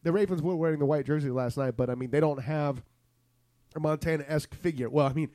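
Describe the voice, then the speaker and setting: A man's voice: a little high, fast, warm tone, dry recording. A man hosting a podcast in casual chat, rambling and joking, acting out lines from ads. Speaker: podcast host.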